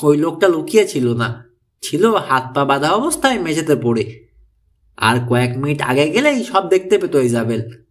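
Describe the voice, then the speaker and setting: A man with a fairly high voice narrates a thriller audiobook at a moderate pace. His delivery of the scripted story is highly animated and suspenseful, with a lot of pitch movement.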